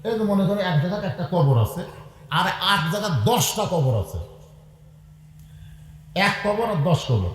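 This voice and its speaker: A man's voice: high-pitched, roomy sound, in a large hall, rough recording. A middle-aged man preaching a waz sermon, calling on the crowd to answer and asking them for donations. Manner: lively, calls on the crowd to answer and raise hands; appeals for donations, blesses each gift.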